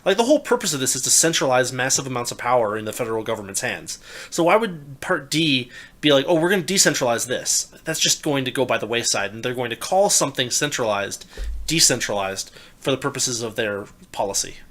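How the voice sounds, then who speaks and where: A young adult man in casual political talk, animated and incredulous, often restarting his sentences. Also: medium pitch, fairly quick. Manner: animated, rising to loud incredulous emphasis; restarts and stammers mid-sentence. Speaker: podcast co-host.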